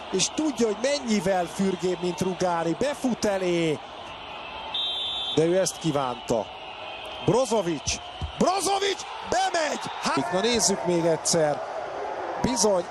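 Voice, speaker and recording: An excited male football commentator with a fairly high voice. He makes clipped, urgent calls of players that leap up at every chance, over clearly noisy broadcast sound.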